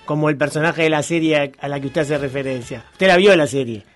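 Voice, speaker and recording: Teasing co-host, slightly high voice. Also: male voice, a little fast, faint music behind. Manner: teasing, laughs often. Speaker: radio co-host. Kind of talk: casual banter.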